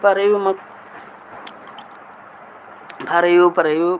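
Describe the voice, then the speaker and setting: A chatty woman hosts a live stream, reading her viewers' comments aloud and answering them one by one. Her voice stays level and even, with little rise or fall. A faint noise hums behind her. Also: fairly low pitch, drawn-out words, rough recording. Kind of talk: casual live chat with viewers.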